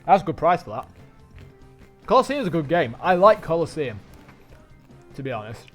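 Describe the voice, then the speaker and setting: A man's voice: on the high side, very animated, normal speed, faint music behind. An English man live-streaming a video game, chatting casually and rambling while he snacks. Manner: rambling, chatty, talks with mouth full.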